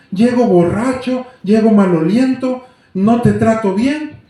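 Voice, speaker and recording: A man's voice: mid-range voice, warm tone, voice pushed down, lightly acted. A man voicing a drunken, remorseful husband, speaking. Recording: very echoey room.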